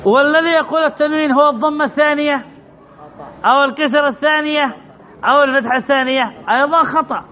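A man with a very high, pushed and bright voice teaches a grammar lesson at a quick pace. He's emphatic, repeats each point and asks his students questions, all captured in a dull, lo-fi recording.

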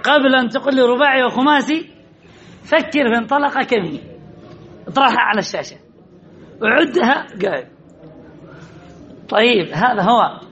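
Guy teaching a class, really high voice, keeps quizzing everyone and answering himself, repeats stuff. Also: normal speed, long pauses, a bit bright, lo-fi sound, a little hiss or hum. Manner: quizzes listeners and answers his own questions; repeats key points in drilling rhythm. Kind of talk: classroom lesson.

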